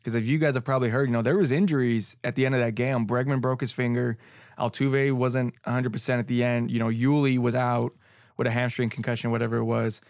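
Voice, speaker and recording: An excitable young man co-hosts a student sports talk show, rambling with a fan's heart on his sleeve. His voice is mid-pitched and recorded dry and close. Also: fast, no echo. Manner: excitable, rambling, emotional fan. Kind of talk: casual sports talk radio.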